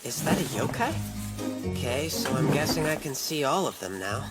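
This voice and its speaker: An actor playing an earnest teenage schoolboy who sees spirits, flustered and quick to scold himself, in an anime dub. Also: male voice, a little high, very animated, loud music behind the voice. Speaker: high school student. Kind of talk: anime English dub acting. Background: background score.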